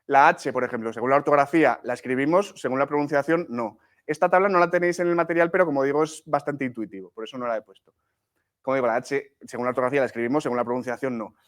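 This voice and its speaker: A man's voice: medium pitch, fast. A man from leading a live writing workshop, explaining step by step, with many restarts and frequent "¿sí?" and "¿vale?" checks to the class. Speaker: workshop teacher.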